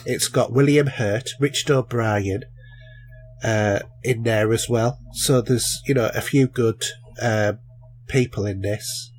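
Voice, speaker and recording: A man's voice: medium pitch, slow pace, a little mellow, a little hiss or hum. A man, co-hosting a podcast and chatting casually about films and shows, with lots of fillers and restarts. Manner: rambling, many fillers and restarts. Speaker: podcast co-host.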